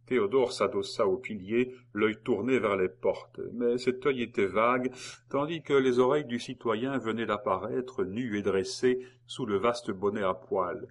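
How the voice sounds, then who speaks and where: A man reading a novel aloud in an even, measured narration. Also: fairly low pitch. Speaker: audiobook narrator.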